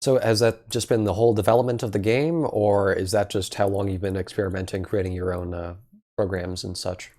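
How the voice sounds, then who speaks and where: A man's voice: on the low side, steady tone, brisk, dark tone. A man hosting a podcast, chatting casually and joking with his guests, with frequent filler words. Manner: easygoing, joking, lots of filler ums. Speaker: podcast host. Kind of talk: casual chat.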